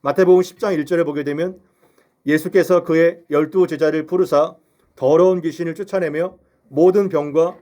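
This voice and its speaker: Male pastor, sermon delivery, fairly high voice, earnest rhetorical questions to the congregation. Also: mellow. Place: church sanctuary.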